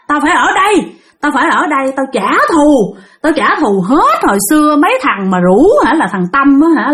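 Woman narrator doing a vengeful female ghost, lilt, piercing high voice. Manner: shrill, ranting, then wailing and pleading.

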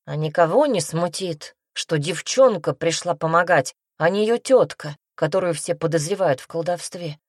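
A woman reading an audiobook aloud, voicing a weary, sharp-tongued herbalist witch who talks sarcastically and snappishly. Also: fairly low pitch, normal speed, few pauses, no room sound, clean studio sound, close to an everyday voice. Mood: sarcastic.

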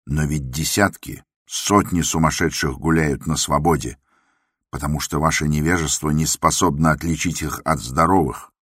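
A man voicing a furious, paranoid male patient in an asylum, shouting bitter accusations in an audiobook. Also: extremely low pitch, husky, dry recording, studio quality, exaggerated voice. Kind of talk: audiobook character voice.

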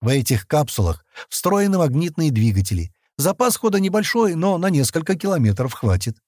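A man doing a smug, brisk leader. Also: on the high side, big pitch swings, a little mellow, no room sound, studio quality, pitched above the performer's own voice. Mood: commanding. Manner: briskly explaining, commanding.

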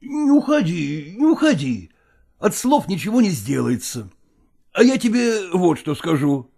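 A man playing a pragmatic older merchant father who coaxes his daughter in a dramatized reading, with a husky, gravelly voice and folksy persuasion. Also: high voice, sing-song, measured pace, darkish tone, full character voice. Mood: coaxing.

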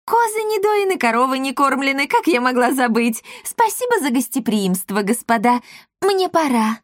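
A woman voicing a scornful matchmaker who mocks the bride's family and hurries off, in a high drawn-out voice. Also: big pitch swings, no room sound, clean studio sound. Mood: flustered. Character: shrill matchmaker woman, mocking and quick to flee.

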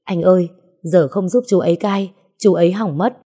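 A woman's voice: lowish voice, moderate pace, dark tone, breathy edge. A woman voicing a devoted young woman in an audio story who coaxes and pleads. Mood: desperate pleading. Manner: pleading, coaxing.

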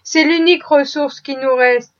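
A woman reading the lines of a weary, cynical gentleman with slow, world-weary reasoning. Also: high-pitched, steady tone, highs cut off, lightly acted. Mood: resigned.

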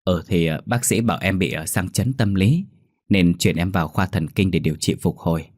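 A man voicing a hesitant, fearful young husband in a spoken horror story, halting between words. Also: sits low, a little mellow, no echo.

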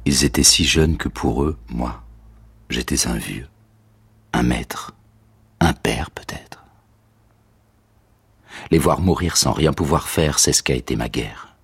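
An actor playing a grieving old male tutor who recalls the war in a slow, hushed, grave monologue for a radio drama. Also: a bass voice, gravelly, slightly rough, dry recording, full character voice. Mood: mournful. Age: older. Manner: slow, hushed, grave delivery with whispered phrases. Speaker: narrator of a radio reading.

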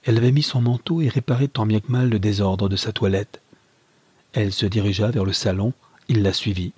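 A man reads a classic novel aloud in a measured, steady narration. His voice is low and husky, and the recording is dry and close with no room echo. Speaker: audiobook reader.

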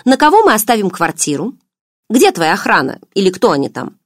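A woman voicing a sharp-tongued, bossy young woman in an audiobook, with snappy, sarcastic lines. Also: mid-range voice, wildly swooping pitch, brisk, dry recording, clean studio sound.

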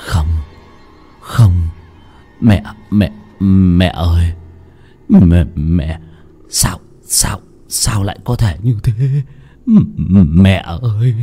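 A man's voice: deep voice, drawn-out words, pauses often, mellow, slightly rough, soft background music, heavily acted. A man voicing a terrified, guilty old man who stammers and repeats words in panic. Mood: stammering fear.

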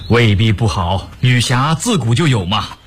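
A male storyteller voicing a calm, dignified imperial envoy who speaks in measured tones. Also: mid-range voice, slight background noise, close to an everyday voice. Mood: courteous. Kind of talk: Chinese storytelling radio performance.

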